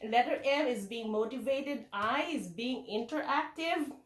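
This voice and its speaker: A woman teacher giving an animated, encouraging talk to fellow teachers, often checking in with "okay?". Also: on the high side, a little slow, recorded from a distance. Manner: animated, tag questions like "okay?". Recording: roomy echo, away from mic.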